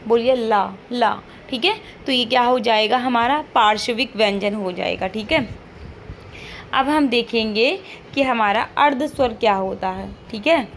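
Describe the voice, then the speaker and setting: A woman's voice: on the high side, moderate pace, a little hiss or hum. A woman teacher giving an online lesson, patiently repeating each point, modeling sounds aloud and checking in with frequent questions.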